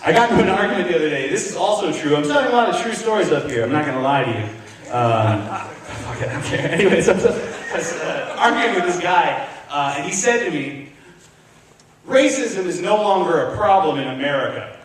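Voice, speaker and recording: A young man doing live stand-up comedy, sardonic and profane, with quick self-mocking asides. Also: fairly high pitch, expressive, recorded from a distance. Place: comedy club room with a live audience. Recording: very echoey room, captured from afar.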